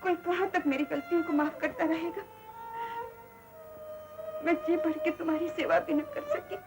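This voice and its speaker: A woman's voice: very high voice, steady tone, brisk. An actress playing a humble, grieving maidservant who is secretly a mother, speaking in a pleading, tearful way, from an old film soundtrack with music. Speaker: maid thrown out, hidden mother. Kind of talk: 1960s film acting.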